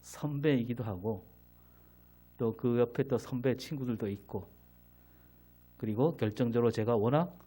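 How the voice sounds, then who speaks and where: A man's voice: medium pitch, normal speed, long pauses, mellow, slightly rough. A middle-aged man preaching a sermon as pastor, asking the congregation questions and answering them himself.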